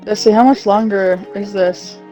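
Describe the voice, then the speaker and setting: A woman's voice: medium pitch, steady tone, moderate pace, warm tone, poor audio. Chill woman streamer rambling while she plays, faint game music in the back. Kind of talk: casual chat while gaming.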